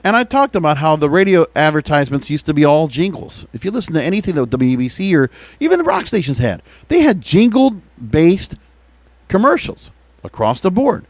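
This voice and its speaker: A man's voice: a little high, very animated, fairly quick, dry recording. An American man hosting a podcast, giving emphatic, opinionated commentary and often putting rhetorical questions to the listener. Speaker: podcast host. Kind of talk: opinionated music radio commentary.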